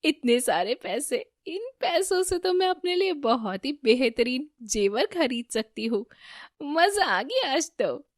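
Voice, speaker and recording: A woman's voice: a little high, expressive, measured pace, no room sound, clean studio sound. A woman voicing a scheming young daughter-in-law who steals from her family, in a cartoon story. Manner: sly, scheming asides, panicky when caught.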